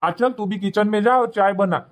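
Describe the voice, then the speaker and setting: Lightly acting in a high-pitched voice at a moderate pace, a man plays a harried young husband and son in a cartoon, pleading with and placating both his wife and his mother.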